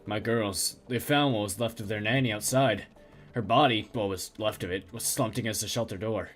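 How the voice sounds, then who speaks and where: A man voicing a haunted middle-aged male survivor who speaks in a halting, stammering way. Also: fairly low pitch, soft background music, pitched below the performer's own voice, natural voice. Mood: shaken.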